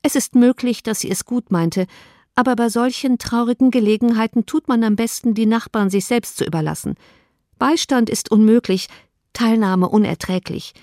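A woman's voice: a little high, normal speed, mellow, dry recording, clean studio sound, natural voice. A woman voicing a spirited, frank young woman who speaks with indignant emphasis in an audiobook reading.

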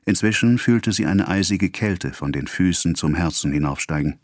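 A man reading a classic novel aloud as an audiobook narrator, in a measured, even storytelling manner. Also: low voice, no echo, studio quality.

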